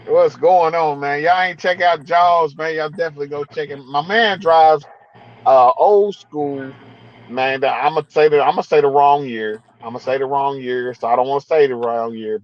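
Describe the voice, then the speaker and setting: A man's voice: on the high side, moderate pace, highs cut off. A man hosting a casual car chat, laid-back and drawn out, repeating his phrases. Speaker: host.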